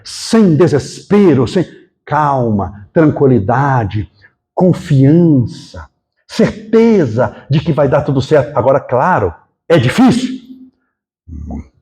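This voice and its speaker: A Brazilian man preaching to a spiritist gathering, his voice sitting high and swooping up and down as he tells a story. He acts out the people in it and keeps asking his listeners to agree with him. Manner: storytelling, animated, acts out quotes, asks the audience. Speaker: spiritist lecturer. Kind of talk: sermon.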